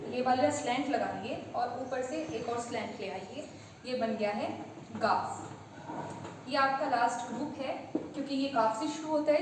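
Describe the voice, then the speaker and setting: A woman teaching a patient beginner language lesson, repeating each letter name step by step. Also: on the high side. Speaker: Urdu teacher. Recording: echoey room from a distance with faint noise.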